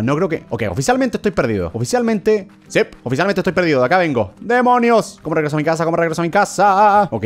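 A young man giving excitable let's-play commentary, yelping, gasping and talking to the creatures in the game. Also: fairly high pitch. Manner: excitable, yelps and gasps, talks to game creatures. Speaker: gaming video host.

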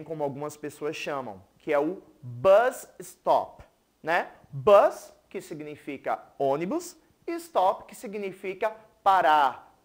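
A teacher with a Brazilian Portuguese accent gives a televised school lesson, patiently checking in with the class and having viewers repeat words. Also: medium pitch. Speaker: English teacher.

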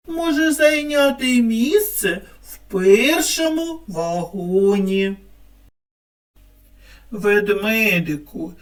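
A woman speech therapist narrating a scripted children's lesson in an expressive teacher's tone. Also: mid-range voice, distant mic. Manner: slow, lively, expressive teacher tone.

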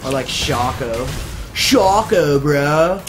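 A male streamer giving live gameplay commentary, excitable and slangy, swearing often and breaking into sudden yelps. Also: on the high side, measured pace, music in the background.

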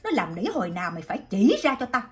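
A woman's voice: medium pitch, very animated, rapid-fire, soft background music, lightly acted. A woman voicing a hot-headed husband who confronts another man to defend his wife in a storybook reading. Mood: confrontational. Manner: challenging, confrontational.

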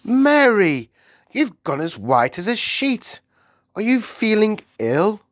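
A woman's voice: medium pitch, big pitch swings, takes it slowly, no echo, clean studio sound, pitched above the performer's own voice. A woman voicing an imperious, well-bred Queen in an audiobook, with grand, emphatic, exclamatory delivery. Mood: agitated, concerned.

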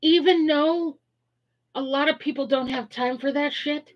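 A woman's voice: high-pitched, unhurried, highs cut off. A woman co-hosting a casual chat, playful and goofy, fond of repeating silly words. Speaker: co-host.

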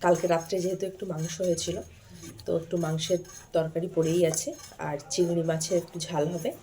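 A woman's voice: fairly low pitch, level tone, a little fast, dark tone. A woman, narrating a casual daily-life vlog from her home kitchen and chatting viewers through her chores.

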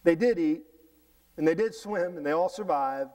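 A middle-aged man preaching from a church stage on a headset mic, with a fairly high voice. He reads scripture and talks it through in an animated way, often restarting and repeating words. The voice sounds a little distant in the room. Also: normal speed. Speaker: pastor. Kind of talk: sermon reading and explaining scripture. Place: church sanctuary stage, indoors.

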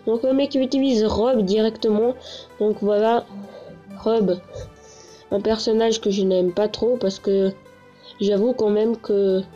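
Her voice is mid-range and dark, with fairly even intonation, a slow pace, and long pauses. She's a gaming channel host with a stuffy cold, lying down in a small echoing bedroom and rambling through casual gameplay commentary full of fillers and restarts. A handheld console camera captures lo-fi sound over game music.

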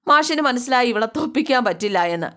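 A woman's voice: on the high side, animated, quick pace, pushed and bright. A woman casually retelling a television serial's story to her listeners, chatty and full of friendly asides. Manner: chatty, addresses listeners with fillers.

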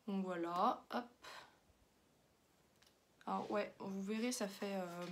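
A woman's voice: medium pitch, a bit bright. A young woman chatting casually through a makeup haul, with many fillers and slang words. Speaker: beauty vlogger.

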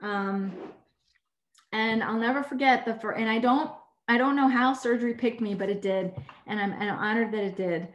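A woman who is a clinical instructor and surgeon, talking casually and warmly to medical students on a video call, rambling and correcting herself as she goes. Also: a little high, normal speed, lo-fi sound. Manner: warm, rambling, self-correcting. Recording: echoey room on a video call.

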